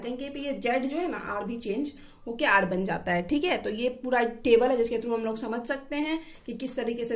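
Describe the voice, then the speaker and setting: A woman teaching a linguistics lesson, reading English lines slowly and then explaining each one. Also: high-pitched.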